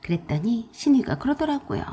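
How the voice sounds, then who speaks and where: A woman narrating a dramatic radio story in a confiding, expressive way. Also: on the high side, brisk, slight background noise.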